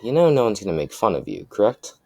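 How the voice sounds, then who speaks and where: A man voicing a calm young ninja swordsman. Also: fairly low pitch, quick pace, gravelly, slight background noise, pitched above the performer's own voice. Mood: casual.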